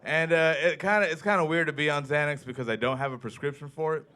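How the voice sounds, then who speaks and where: Deadpan man doing stand-up. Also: a little high, fast talker. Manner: deadpan storytelling with acted-out quotes. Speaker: stand-up comedian. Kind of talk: stand-up set. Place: comedy club stage.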